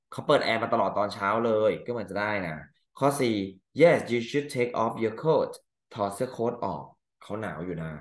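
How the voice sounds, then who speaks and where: Male English teacher, lowish voice, talks through test answers, drawls the English lines then explains loosely; echoey room. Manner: reads English items slowly, then translates casually.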